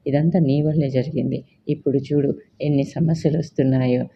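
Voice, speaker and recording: Narrator reading as a frustrated young son. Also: male voice, medium pitch, fairly even intonation, brisk, gravelly, warm tone, dull audio, slight background noise, natural voice. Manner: heated, accusing, insistent. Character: young man, frustrated son defending his brother.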